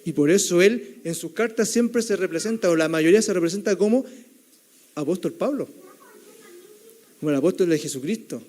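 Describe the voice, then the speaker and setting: A young man preaching a sermon as a theology student, telling the story in a loose, conversational way and often tagging his sentences with a quick question to the listeners. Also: high voice, darkish tone. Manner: keeps adding the tag question "right?", storytelling tone.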